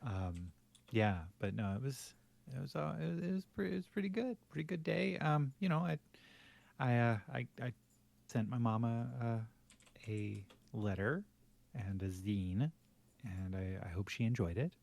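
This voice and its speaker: A man's voice: mid-range voice, lively intonation, moderate pace, creaky, darkish tone. A middle-aged man co-hosting a podcast, telling family stories in casual chat with lots of restarts and laughter. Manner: rambling with many restarts and laughs. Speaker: podcast co-host.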